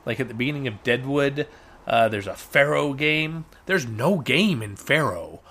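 A man's voice: mid-range voice, expressive, moderate pace, a bit bright. A man co-hosting a podcast in casual chat, rambling and digressive with a wry, dry humor. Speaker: podcast co-host. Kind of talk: casual chat recapping a dating show.

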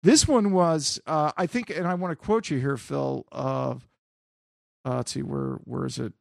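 A man's voice: medium pitch, unhurried, gravelly, dry recording, clean studio sound. A man co-hosting a podcast in casual chat, rambling with restarts and swearing. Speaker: podcast co-host.

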